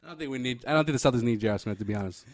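A man hosting a casual sports podcast in a relaxed, matter-of-fact way. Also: mid-range voice, rapid-fire, a crowd in the background. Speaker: podcast host.

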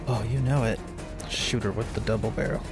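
A man's voice: lowish voice, steady tone, a little fast, music in the background. A man casually narrating his character's actions and dice results as a player in a tabletop role-playing game.

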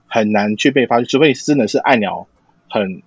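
A man from Matsu with a Taiwanese Mandarin accent, explaining things casually in a halting way with repeated words. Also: on the low side. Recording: dull lo-fi sound, dry.

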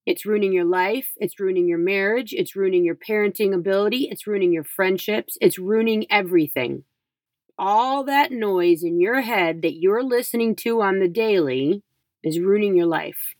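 A woman's voice: lowish voice, darkish tone, dry recording. A middle-aged woman hosting a podcast, speaking in an emphatic, conversational motivational style with repetition and rhetorical questions. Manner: emphatic, repeats phrases for effect, rhetorical questions. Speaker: podcast host.

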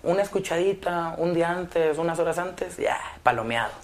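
A young man with a Mexican Spanish accent, a rapper chatting casually as a guest and telling slangy, animated stories. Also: fairly high pitch. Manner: animated, slangy, fast-riffing storyteller. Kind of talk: casual chat.

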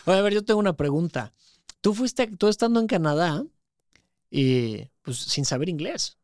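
A man with a Mexican accent hosting a podcast, talking in a relaxed, slangy way. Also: high voice, moderate pace, no echo, clean studio sound. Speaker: podcast host. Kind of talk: casual podcast conversation.

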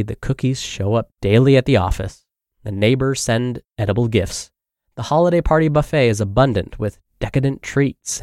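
A man's voice: mid-range voice, darkish tone, no echo, studio quality. A man hosting a health podcast, reading a blog article aloud, his voice a little congested. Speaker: podcast host and narrator.

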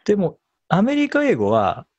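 A man talking casually in an interview about how he learned pronunciation, in a relaxed, storytelling way. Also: high voice, normal speed, dry recording, dull audio. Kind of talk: conversational interview.

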